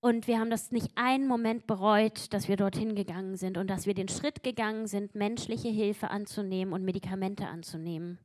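A woman's voice: medium pitch, steady tone, a little fast, few pauses, a little mellow. A woman preaching a sermon with emphatic delivery, acting out quotes with mounting intensity. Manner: emphatic, acts out biblical quotes with rising intensity.

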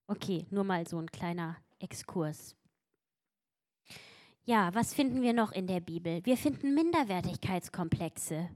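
This woman's voice is fairly low and darkish, animated yet measured in pace. She delivers an emphatic sermon, dramatizing biblical quotations with rising intensity.

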